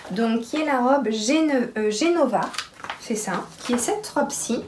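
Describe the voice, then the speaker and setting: A pregnant woman chatting casually to camera about her sewing, with many pauses and restarts. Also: a little high, background noise. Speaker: sewing vlogger.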